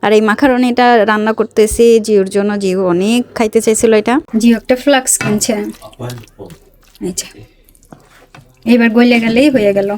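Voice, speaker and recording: A chatty woman with a Bangladeshi Bengali accent narrates her cooking step by step in a home kitchen. Her voice sits a little high, and her talk is easy and conversational, aimed at her viewers. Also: fairly even intonation, normal speed, pauses often, darkish tone. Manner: chatty, talks viewers through each step. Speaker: cooking and mukbang vlogger. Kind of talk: casual cooking narration to camera.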